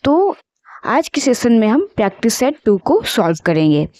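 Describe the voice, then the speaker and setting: A woman's voice: on the high side, big pitch swings, warm tone, dry recording. Woman tutoring with a dry voice. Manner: reads options slowly and repeats answers. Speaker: music exam tutor. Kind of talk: exam-prep lesson.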